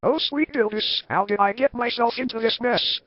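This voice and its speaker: A man voicing a panicky young man with a high, whiny voice. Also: normal speed, no echo, lo-fi sound. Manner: whiny, fretful.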